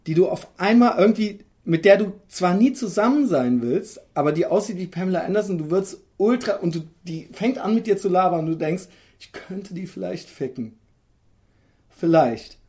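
A man's voice: high-pitched, expressive, fairly quick, hardly any pauses, a little mellow. A man casually telling a long rambling anecdote, acting out quoted lines as he goes. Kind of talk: casual chat.

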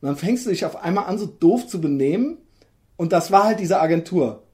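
A man's voice: sits high, animated, a little fast, a little mellow. Rambling German storyteller man. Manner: rambling anecdote teller, acts out quotes. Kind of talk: casual chat.

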